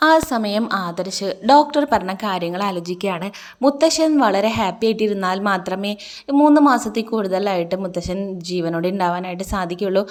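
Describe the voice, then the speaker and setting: Woman recap narrator: rapid-fire, mid-range voice, casually retells a serial episode with quoted dialogue. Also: mid-range voice. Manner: rapid storytelling that quotes characters' lines.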